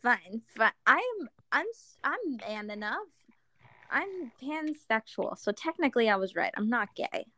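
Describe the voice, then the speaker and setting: Giggly young woman, slow and breathy-high. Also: sing-song, bright, forceful tone, no room sound. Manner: giggly, gushing, trails off with "like". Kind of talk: casual chat.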